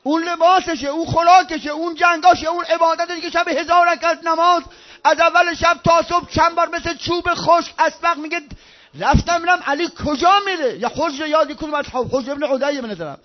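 An impassioned male preacher delivers a storytelling sermon over a loudspeaker, swinging between fervent outbursts and quiet, hushed stretches. His voice sits very high for a man. The recording is dull and lo-fi. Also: fairly even intonation. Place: speaking over a loudspeaker in Qom.

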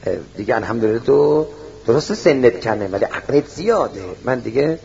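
A man's voice: medium pitch, animated, creaky, a little mellow, pitched below the performer's own voice. A preacher voicing a tender grieving old prophet father. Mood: tender, sorrowful. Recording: dull lo-fi recording.

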